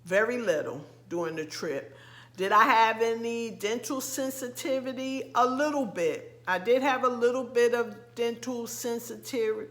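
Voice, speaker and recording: A middle-aged woman from the United States with a slight lisp, talking casually to camera as a vlogger, halting with frequent ums and restarts. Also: a little high, fairly bright tone. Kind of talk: casual vlog talk to camera.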